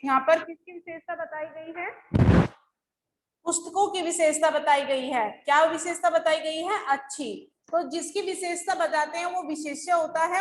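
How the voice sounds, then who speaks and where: Woman teacher, high voice, patient step-by-step explaining, echoey room with faint hum. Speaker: school teacher. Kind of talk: recorded class lesson.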